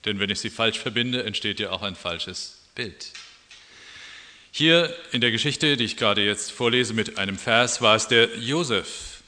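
Ein Mann, der ruhig erklärend eine Predigt hält. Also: male voice, fairly low pitch, measured pace, pushed and bright, big-room sound. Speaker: preacher. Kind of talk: sermon.

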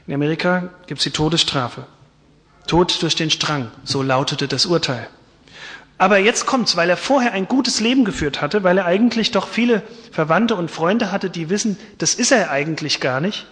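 A man's voice: sits high, a bit bright. A male preacher telling a story in a sermon, earnest and dramatic, recorded with a long hall reverb in a church.

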